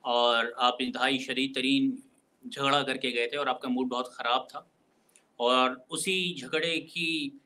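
A man giving a recorded university lecture, explaining carefully, mixing in English phrases and slowing down to stress key words. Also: mid-range voice, fairly even intonation, bright, forceful tone, rough recording.

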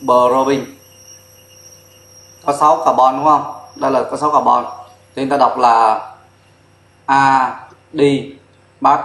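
A man's voice: medium pitch, fairly bright tone. A man teaching a chemistry lesson at a board, explaining step by step and spelling out formulas letter by letter. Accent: Vietnamese. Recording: echoey classroom sound.

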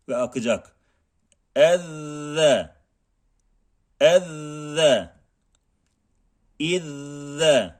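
A man's voice: lowish voice, darkish tone, husky. A man teaching Quran letter pronunciation, repeating model syllables and explaining lip and tongue placement. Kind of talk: slow step-by-step pronunciation lesson.

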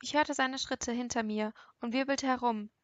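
A woman's voice: fairly high pitch, steady tone, normal speed, no room sound, muffled recording. Dry, close woman audiobook narrator. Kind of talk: first-person audiobook narration.

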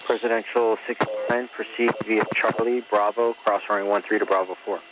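A man working as airport ground controller, giving quick, clipped instructions heard over an aircraft radio. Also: fairly low pitch, fairly even intonation, noisy background. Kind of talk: terse aviation radio phraseology.

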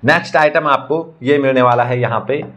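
A man who is a magician, briskly showing and explaining magic props one after another in a casual demo. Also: mid-range voice, fairly even intonation, noisy background. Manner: brisk, talking props through each trick. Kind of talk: casual product demonstration.

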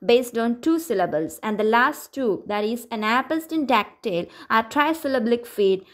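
Woman, young adult, higher register; methodical explainer for a lesson, lists terms with examples. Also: expressive, moderate pace. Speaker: teacher.

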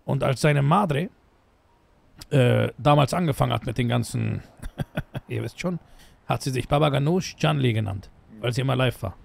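A man's voice: mid-range voice, normal speed, creaky, long pauses. A young man playing a joking roleplay character in a video game, tossing Spanish words into his talk.

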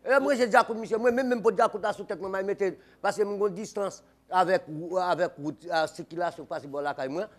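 A man's voice: high-pitched, fast talker, lightly acted. A man playing a rambling Haitian debater. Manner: rambling, repetitive, laughs while talking. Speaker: comedy sketch character. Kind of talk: improvised comic debate sketch.

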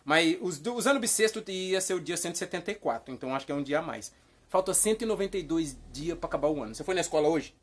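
A fast-talking woman hosting a silly vlog, rambling along and teasing her sidekick. Her voice sits a little low but swings widely, jumping into mock shouts and excited catchphrases. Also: husky. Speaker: vlog host. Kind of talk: playful comedic vlog chat.

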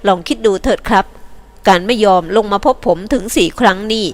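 A woman's voice: medium pitch, brisk, close to an everyday voice. Woman voicing an earnest, hurt young suitor. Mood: pleading. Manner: pleading, earnest.

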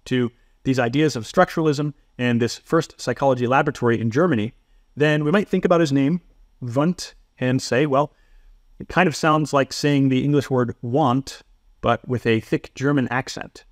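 A man's voice: mid-range voice, moderate pace, no echo. A man narrating a psychology lesson in a methodical, explanatory way, with dry self-deprecating humor. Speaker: psychology instructor. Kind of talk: scripted educational narration.

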